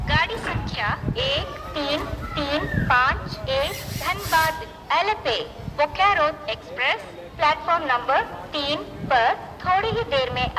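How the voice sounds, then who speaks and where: High, slow woman announcer over a station PA. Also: rough recording. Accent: Indian. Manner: slow, measured, evenly repeated phrasing. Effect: over a station PA loudspeaker. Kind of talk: recorded train announcement. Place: railway station.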